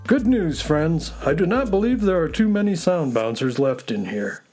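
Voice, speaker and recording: Friendly space horse played by a man, folksy and excitable, higher-pitched, animated, for a kids' audio story, music underneath. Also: normal speed. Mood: upbeat. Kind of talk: children's audio story acting.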